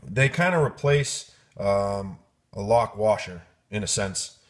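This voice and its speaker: Rambling low-voiced man in a garage. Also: expressive, takes it slowly. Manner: rambling, lots of ums and restarts. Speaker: garage vlogger showing hardware kits. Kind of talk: casual off-the-cuff product walkthrough. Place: garage workshop indoors. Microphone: handheld phone camera, speaker off-screen.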